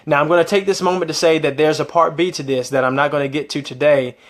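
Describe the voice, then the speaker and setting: A man with a slightly high voice speaks as a motivational coach. He explains things conversationally, leans on repeated phrases for emphasis and often puts rhetorical questions straight to the listener.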